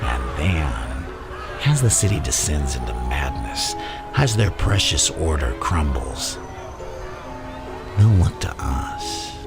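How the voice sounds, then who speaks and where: A man playing the Joker as a theatrical, menacing madman, philosophizing in a gravelly, often whispered ASMR roleplay delivery. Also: very deep voice, very animated, full character voice. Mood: conspiratorial, sinister. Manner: theatrical, drawn-out, conspiratorial. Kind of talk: ASMR roleplay villain monologue. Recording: music playing behind the voice.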